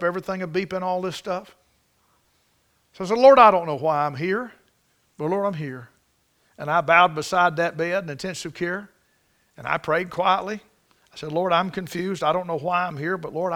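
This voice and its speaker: A man preaching a sermon, telling stories and swinging from hushed to loud and fervent. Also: high voice. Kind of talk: sermon storytelling.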